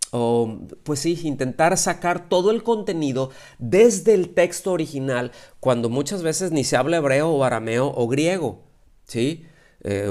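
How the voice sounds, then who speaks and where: A man's voice: medium pitch, a little mellow. A man teaching a church Bible study lesson over a video call, hesitant, with many fillers and restarts, checking in with listeners often.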